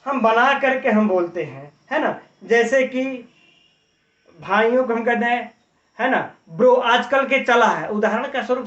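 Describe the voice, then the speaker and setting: High-voiced man teaching in a roomy, distant recording. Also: fairly bright tone. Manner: explains with examples and asks rhetorical questions; frequent tag "है ना". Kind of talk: exam-prep lecture. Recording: roomy, distant, dull lo-fi audio.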